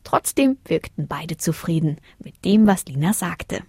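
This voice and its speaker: A woman reading a children's story aloud in a calm, even storytelling voice. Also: low voice, measured pace, husky, no echo, studio quality.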